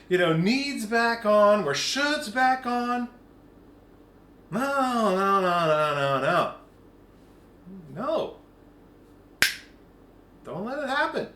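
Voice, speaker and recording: A man leading an informal spiritual talk at a group meeting, acting out little quoted voices as he goes. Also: high voice. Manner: animated, acts out quoted voices. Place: meeting room. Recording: echoey room with faint background hum.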